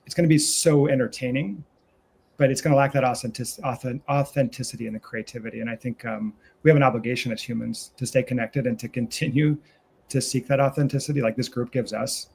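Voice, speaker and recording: A man's voice: mid-range voice, fairly even intonation, quick pace, gravelly, darkish tone, slight background noise. A man in a casual group discussion, speaking earnestly and reflectively.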